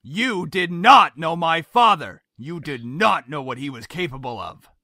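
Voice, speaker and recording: Stern, domineering middle-aged dad; crisp, forceful, dry studio read. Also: male voice, a little high, lively intonation, unhurried, dry recording, full character voice. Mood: furious. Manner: cold, commanding, explodes in anger. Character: stern controlling father, middle-aged businessman. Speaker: voice actor.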